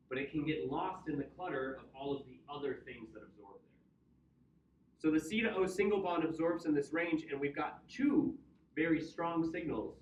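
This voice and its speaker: A Midwestern American man with a darkish, higher-than-average voice gives a chemistry classroom lecture, chatting, joking and asking students questions. There is a slight hiss or hum, and the room sound is distant, dull and roomy.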